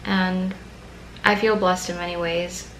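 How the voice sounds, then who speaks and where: A woman's voice: lowish voice, level tone, unhurried, fairly bright tone, a little hiss or hum. A woman in her twenties from Colombia, talking casually and candidly to camera in a vlog at home. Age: 20s. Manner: chatty and candid, with frequent fillers. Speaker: vlogger. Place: home while packing to move.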